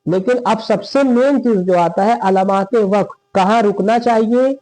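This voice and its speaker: A man teaching Quran reading in a slow step-by-step lesson, drawing out each word as he demonstrates it and checking in often with his listeners. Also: sits high, mellow, dry recording, poor audio. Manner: drawn-out demonstration of words, frequent checking "theek hai".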